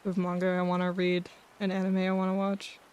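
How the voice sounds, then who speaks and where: A woman's voice: on the low side, completely flat delivery, brisk, darkish tone, clear, resonant tone. A woman chatting casually as a livestream host, with a friendly, welcoming, bubbly manner. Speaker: streamer hosting a co-working livestream.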